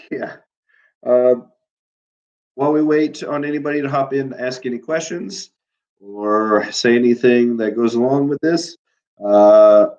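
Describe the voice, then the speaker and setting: A stuffy-nosed teacher chats casually from home during a live class stream, rambling and using lots of filler words. His voice is medium-pitched and a little mellow, and the recording is dull and lo-fi.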